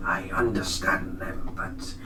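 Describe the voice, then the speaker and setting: A man's voice: deep voice, flat delivery, slow. A man playing a grave, proud reptile hunter who gives terse orders in stiff English at a tabletop game. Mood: stern. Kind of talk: in-character tabletop role-play. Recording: roomy echo, music underneath.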